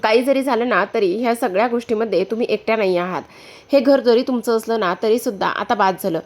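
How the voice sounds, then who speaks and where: A woman's voice: fairly high pitch, fast, a little mellow, close to an everyday voice. A woman voicing a firm, protective young man in a retold serial story, reading his lines in her own voice. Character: young adult man, protective household manager.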